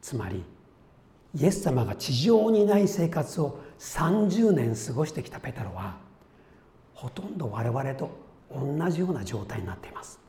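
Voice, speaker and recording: A man's voice: medium pitch, sing-song, normal speed, mellow. A man preaching a sermon as a pastor, chatty and folksy, with easy asides before he turns to the Bible passage. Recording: echoey room with faint ambience.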